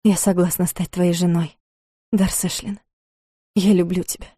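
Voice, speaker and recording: Storybook heroine, young woman, impulsive, soft and intimate delivery, voiced by the female reader, dry close sound. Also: on the low side, little pitch movement, measured pace, husky, no echo.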